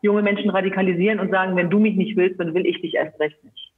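A man speaks as a guest on a live online panel. His voice sits high, and the call audio is narrow and tinny. He stays earnest and measured, with filler sounds along the way. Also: fairly even intonation. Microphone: video call.

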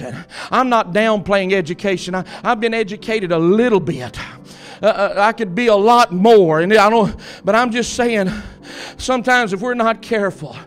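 A man's voice: high-pitched, a bit bright. A man preaching a fervent, emphatic sermon and calling out to his congregation.

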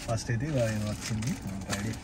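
A man's voice: fairly low pitch, quick pace, very noisy. A man hosting a casual unboxing vlog. He chats easily and slips English words into his talk. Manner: chatty, mixing in English words. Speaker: vlog host.

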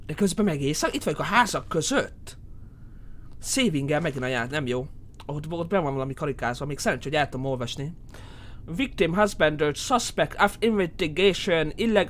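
A man with a Hungarian accent giving horror game commentary, yelling in panic at the scares and muttering low between them. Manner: screams and yells in panic at scares, then drops to low muttering. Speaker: gaming streamer.

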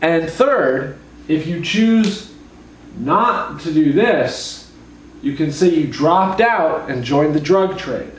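A hungover young man gives a casual whiteboard lecture in a deadpan, slightly awkward manner. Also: fairly high pitch, slow pace. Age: young adult. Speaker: calculus lecturer. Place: living room at home, indoors. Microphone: camera mic from a few feet away. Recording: roomy, distant mic, faint noise.

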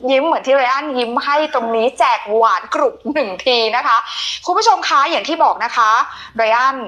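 A woman's voice: high voice, animated, a little fast, sharp tone. A woman hosting a conversational television interview, speaking affectionately to her guest like an older sister. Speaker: TV show host.

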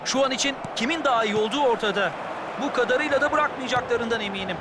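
Male co-commentator, analytical football talk at a brisk pace, heavy background noise. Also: extremely high pitch, over a noisy crowd. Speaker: football co-commentator in a video game. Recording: loud stadium noise behind.

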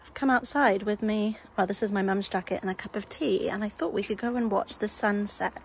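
A woman's voice: medium pitch, fairly even intonation, fairly quick, creaky. A young English woman chatting cheerfully to her handheld camera as she vlogs outdoors in the countryside. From England. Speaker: vlogger. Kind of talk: casual travel vlog. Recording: noisy outdoor camera audio.

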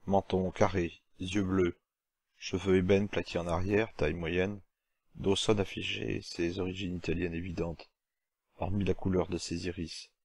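Male narrator, deep, measured, dry booth sound. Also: level tone, a little mellow, dry recording. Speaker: audiobook narrator. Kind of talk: scripted narration.

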